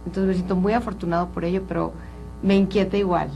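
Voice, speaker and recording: A woman's voice: lowish voice, steady tone, quick pace, vocal fry, dark tone, soft background music, poor audio. A woman from Colombia, a psychologist speaking earnestly and openly as an interview guest. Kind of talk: candid interview talk.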